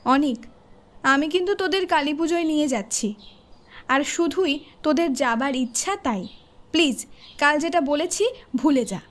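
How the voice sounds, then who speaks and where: A woman plays a young woman shaken by a strange sighting, in a horror audio drama. She speaks in a high voice, uneasy and now and then irritated. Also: normal speed, long pauses, natural voice. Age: young adult.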